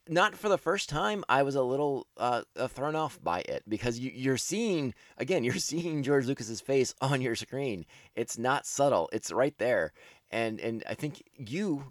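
A man's voice: mid-range voice, no room sound, studio quality. A man hosting a casual podcast commentary, rambling with frequent restarts and self-corrections, enthusiastic and laughing at himself.

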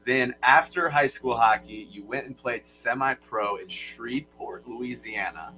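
A young man from Michigan co-hosts a sports podcast, hyping up his guest with upbeat energy. His pitch sits in a middle range, and faint music plays underneath him. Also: measured pace, pushed and bright, low-quality recording. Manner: upbeat, hype-man delivery. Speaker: podcast co-host. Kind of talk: casual sports podcast chat.

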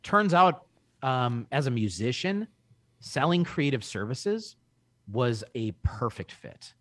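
A man in his early forties, talking in a casual podcast chat with an emphatic, energetic salesman's delivery. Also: mid-range voice, slow pace, no room sound. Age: 40s. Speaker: guest.

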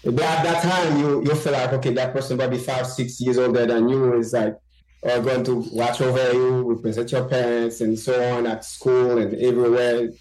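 A man from Haiti, a journalist guest in an interview, talking haltingly with many fillers and restarts. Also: medium pitch, little pitch movement, darkish tone. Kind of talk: interview conversation. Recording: roomy echo.

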